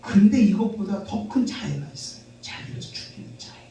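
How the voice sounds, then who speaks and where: A male pastor preaching a sermon with animated call-and-response delivery that rises into shouts. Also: high voice, a little fast, vocal fry, very echoey, distant mic, a little hiss or hum, rough recording. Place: church sanctuary.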